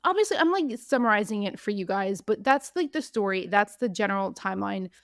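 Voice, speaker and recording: A woman hosting a podcast, recapping in casual chat, animated, acting out what others said. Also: mid-range voice, fairly quick, no echo, studio quality. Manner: animated, acts out quotes, frequent "like". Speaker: podcast host.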